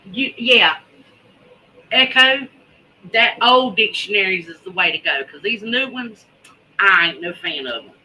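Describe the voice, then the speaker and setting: A woman's voice: mid-range voice, expressive, unhurried, long pauses, sharp tone, a little hiss or hum, poor audio. A woman chatting casually to viewers in a folksy, drawling way, repeating words for emphasis. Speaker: host of a homesteading preparedness vlog. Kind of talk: casual livestream chat.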